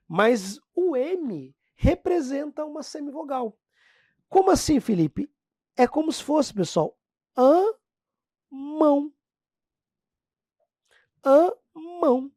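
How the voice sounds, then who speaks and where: A Brazilian woman teaching Portuguese grammar in a slow, unhurried way, her pitch rising and falling with lively energy. She addresses her students directly and stretches out the example words. The sound is dry and close, with no room echo. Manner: lively, talks to the class as "pessoal", drags out example words slowly. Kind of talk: classroom lesson explaining phonetics.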